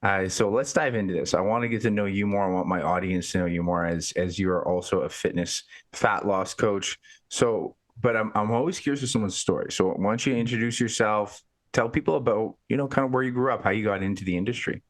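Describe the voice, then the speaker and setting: A man hosts a fitness podcast in a casual interview, upbeat and chatty, often repeating words while he thinks. His voice is lowish and he talks a little fast.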